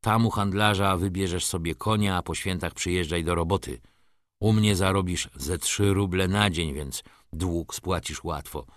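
A brooding middle-aged merchant, as a male narrator plays him, short-spoken and calm, giving orders without fuss. The voice is deep and dry, read close to the mic. This is audiobook drama. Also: moderate pace, no room sound, close to an everyday voice. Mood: firm. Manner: terse, calm, commanding.

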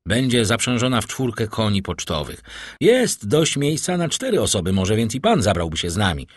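A man reading an audiobook, voicing a worldly, grand count in a husky voice. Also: on the low side, sing-song, moderate pace, no echo, studio quality.

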